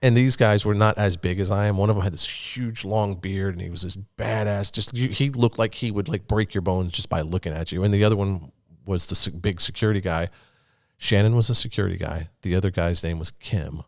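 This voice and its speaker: A man with a very low voice hosts a relaxed interview chat. He tells stories full of swearing and acts out the people he quotes. The sound is dry and close, with no room echo. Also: a little fast. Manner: profane, storytelling, puts on voices for quotes. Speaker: podcast host.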